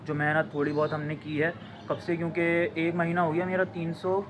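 Young male vlogger, slow and halting, slightly high voice, noisy outdoor phone recording. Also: little pitch movement. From Pakistan. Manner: slow, drawn-out talk that stumbles over words. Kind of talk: casual vlog talk to camera. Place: outdoors on a home rooftop.

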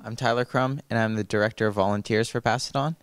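A fifteen-year-old boy speaks easily on a panel, sprinkling in filler words. His low voice comes across very clear and resonant on a handheld mic, with a dry, close sound. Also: steady tone, fast, dry recording. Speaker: volunteer director. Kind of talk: panel talk. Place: indoor room. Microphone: handheld microphone.

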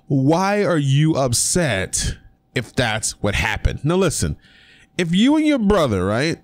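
Animated young man venting on a vlog. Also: a little high, no room sound. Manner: animated, conversational, emphatic rhetorical questions. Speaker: sports commentary vlogger. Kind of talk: casual opinion vlog. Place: indoor room.

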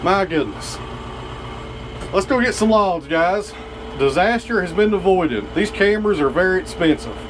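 A man with a fairly high voice narrates his farm work in a chatty, folksy way, talking straight to his viewers. He is recorded outdoors on a camera mic, with loud tractor and engine noise behind him. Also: lively intonation, moderate pace, poor audio. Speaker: channel host. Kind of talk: casual vlog narration while working.

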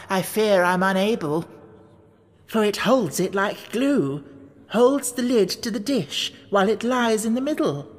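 A reader voicing a gentle, dithering storybook queen with a dainty, cooing manner. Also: medium pitch, in a large hall.

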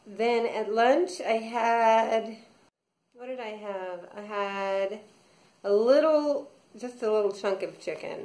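Speaking in a creaky, slightly mellow mid-range voice, a vlogger in her thirties rambles through a casual home video diary, full of fillers and false starts. She is indoors in a small room that gives the audio an echo.

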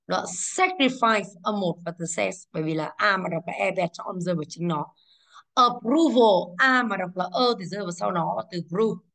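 A young woman teaching English to a class, going briskly through exam answers and asking the students over and over whether they follow. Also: medium pitch, creaky, fairly bright tone. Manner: brisk, scolding, checks understanding with rhetorical questions.

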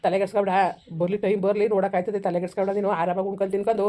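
A woman's voice: medium pitch, flat delivery, dark tone, lightly acted. Woman playing a scolding rustic village man. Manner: scolding, fast rustic banter. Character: older village man, scolding, boastful failed candidate. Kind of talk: village comedy skit.

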